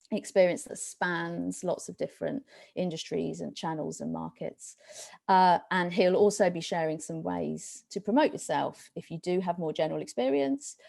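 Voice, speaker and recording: A woman hosting an online event, introducing the speaker in a measured, welcoming way with some fillers. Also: lowish voice, vocal fry, dark tone, no echo. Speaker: event host.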